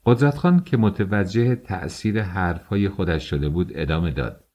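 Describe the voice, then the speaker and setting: A man narrating an audiobook in a calm, even storytelling manner. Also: low voice.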